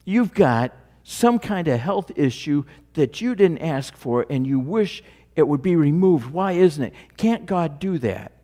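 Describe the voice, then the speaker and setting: A male pastor delivering a sermon at an unhurried pace. His voice sits a little higher than most men's, and he leans into drama, letting his words sink to a hush. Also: expressive. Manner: slow, dramatic preaching that drops to a hush.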